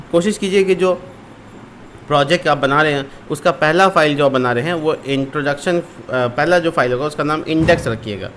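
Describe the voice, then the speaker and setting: A man's voice: on the high side, a bit bright, slight background noise. A man teaching a screen-recorded programming lesson, explaining step by step with repeated terms and frequent fillers. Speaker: coding tutor.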